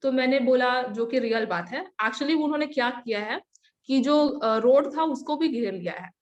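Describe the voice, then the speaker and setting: A young adult woman giving a personal testimony as a casual story. She is animated, acts out the dialogue and laughs often. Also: high-pitched, moderate pace. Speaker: testimony speaker.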